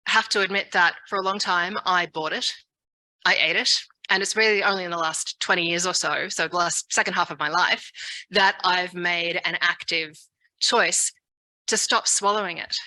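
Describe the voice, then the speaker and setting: A woman's voice: fairly low pitch, fairly even intonation, unhurried, pushed and bright, dry recording, poor audio. A woman giving a frank, reflective speech at a forum. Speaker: forum speaker.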